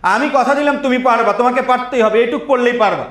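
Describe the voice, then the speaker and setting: High-voiced energetic teacher. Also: male voice, quick pace, echoey room. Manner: energetic, quizzes students with repeated questions. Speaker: admission test teacher. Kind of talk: live online class.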